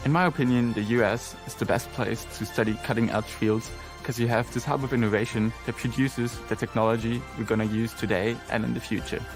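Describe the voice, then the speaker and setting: A man's voice: mid-range voice, fairly even intonation, brisk, hardly any pauses. A male student from Austria talking enthusiastically about his field in a testimonial. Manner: enthusiastic, earnest. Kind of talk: scripted promo testimonial. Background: background music.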